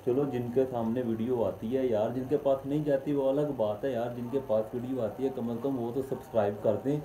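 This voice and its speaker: A man's voice: mid-range voice, steady tone, fairly quick, mellow, roomy sound, a little hiss or hum, rough recording. Chatty bearded man filming himself on a phone. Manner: chatty, pleading for subscribers. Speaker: vlogger. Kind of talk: casual selfie vlog. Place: indoor room, then outdoors on a street. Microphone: phone at arm's length.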